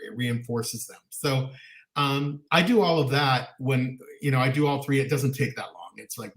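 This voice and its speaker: Chatty man in an echoey room. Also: medium pitch. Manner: rambling, earnest, many restarts and ums. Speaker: co-host. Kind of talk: casual chat. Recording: roomy echo.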